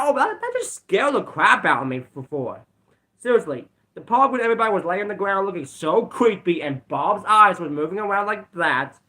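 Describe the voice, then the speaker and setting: A man with a high, bright voice chats through a casual episode review vlog. His pitch swings widely as he rambles and repeats himself, stopping now and then to cough. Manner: rambling, repeats "let's be honest". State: bouts of coughing. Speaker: video reviewer.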